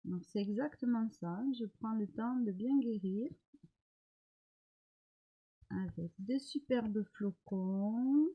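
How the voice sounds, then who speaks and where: A middle-aged woman vlogger showing crafts she got in the mail, talking hesitantly with many pauses while recovering from an illness. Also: mid-range voice, dull audio. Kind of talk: casual show-and-tell of mail.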